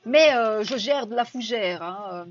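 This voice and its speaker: A woman's voice: fairly high pitch, lively intonation, measured pace. A woman from Belgium with a Belgian French accent chatting on a live stream, reading viewer comments aloud and answering them. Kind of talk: casual live-stream chat. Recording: dull lo-fi sound with faint music.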